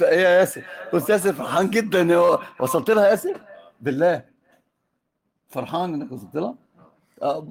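A man's voice: fairly high pitch, gravelly. A man with an Egyptian accent giving an informal religious lesson, teasing and joking with his students as he moves between classical and colloquial speech. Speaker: religious teacher.

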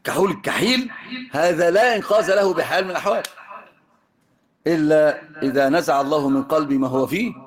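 Man, Egyptian accent, religious teacher, teasing and playful with students, fairly high voice. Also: fast. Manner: teasing, jokes with students, mixes classical and colloquial. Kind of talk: informal religious lesson.

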